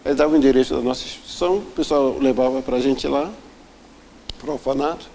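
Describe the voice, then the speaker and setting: Guy in an interview going through his life story, dark mellow voice, faint hiss behind, really lives it as he talks. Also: mid-range voice, fairly quick, rough recording. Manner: earnest, vivid retelling that often acts out the people involved. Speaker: interview guest.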